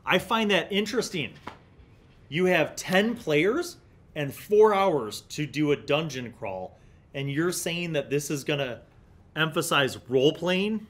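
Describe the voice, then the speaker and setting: In a small studio, a middle-aged man who hosts a tabletop gaming review series talks into the desk microphone in front of him. His voice is a little high, animated, unhurried, and a bit bright. He reads excerpts aloud and muses casually in stop-and-start phrases.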